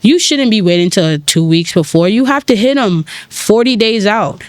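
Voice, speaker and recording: Young woman founder, New York accent, lively and slangy, smooth dry voice. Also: medium pitch, normal speed, no echo. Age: 20s. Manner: energetic, casual, uses slang and fillers. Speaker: tech founder, guest. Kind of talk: conversational interview.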